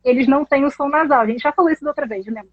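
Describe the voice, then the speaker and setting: A woman, an English teacher explaining pronunciation in a casual chat, animated and laughing often. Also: sits high, rapid-fire, no echo, lo-fi sound.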